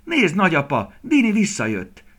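A man voicing a kind, eager young schoolboy in a storybook, speaking brightly and sometimes whispering gently. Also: on the low side, expressive. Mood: excited.

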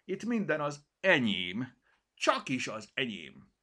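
A man's voice: mid-range voice, huge pitch swings, a bit bright, breathy edge, pitched above the performer's own voice, heavily acted. A man voicing a proud, possessive house cat that talks in a bossy, huffy way. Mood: haughty, possessive.

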